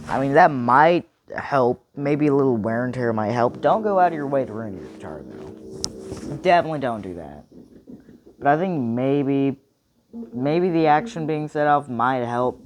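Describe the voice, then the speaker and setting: A man's voice: mid-range voice, a little hiss or hum. Casual man explaining a guitar tone. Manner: loose, rambling, hedging with "like" and "kinda". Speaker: guitar tutorial host. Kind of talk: casual demonstration. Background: electric guitar playing.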